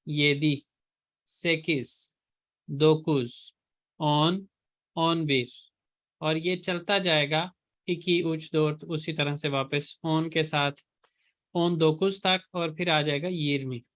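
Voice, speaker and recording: A man teaching an online class, patiently drilling words and correcting pronunciation by repeating each one slowly. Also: fairly high pitch, fairly bright tone. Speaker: Turkish language teacher.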